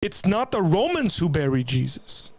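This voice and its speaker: A man hosting a livestream reaction, speaking casually to his viewers with a halting, stop-start delivery. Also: high-pitched, big pitch swings, no room sound. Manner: hesitant, restarting, addresses viewers as guys. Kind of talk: casual live commentary.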